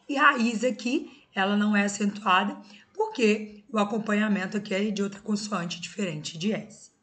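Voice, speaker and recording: A woman's voice: medium pitch, a bit bright. Lady teacher going through grammar rules step by step, keeps checking in with the class. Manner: explains step by step, often checks in with "né?". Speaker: Portuguese teacher. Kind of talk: exam-prep grammar lesson.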